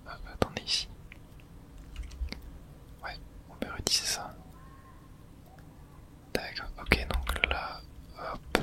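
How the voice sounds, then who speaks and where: In a breathy ASMR whisper close to the mic, a person casually comments on a video game, musing aloud in brief remarks.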